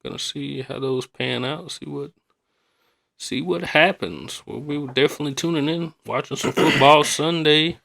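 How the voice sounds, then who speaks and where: A man's voice: on the high side, normal speed, vocal fry, pushed and bright. A man hosting a podcast in a casual, rambling, colloquial way, often repeating himself. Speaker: podcast host.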